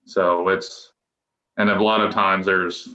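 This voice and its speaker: A man in his twenties, a professional pitcher, chatting loosely as a podcast guest with restarts and chuckles. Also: little pitch movement, takes it slowly, sharp tone. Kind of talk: casual podcast interview. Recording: echoey room, dull lo-fi sound.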